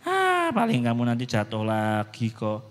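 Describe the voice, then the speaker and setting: A sly, scornful devil, put on by a preacher, taunts in a mocking, dismissive tone. The voice sits at an ordinary pitch and carries the long ring of a church hall. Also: male voice, wildly swooping pitch, unhurried, fairly bright tone.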